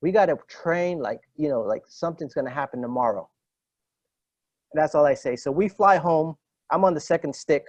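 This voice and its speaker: A retired Marine master gunnery sergeant in his fifties, guesting on a podcast, tells stories in a casual interview. His voice sits on the high side at a normal speed with no echo, and he acts out quoted dialogue amid many fillers and restarts.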